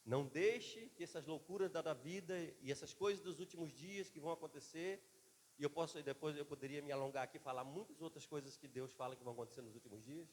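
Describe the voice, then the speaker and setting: A man's voice: on the high side, quick pace, slight background noise. Impassioned preaching man in a reverberant hall. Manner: impassioned preaching, swinging between loud and soft. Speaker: pastor. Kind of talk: sermon. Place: church.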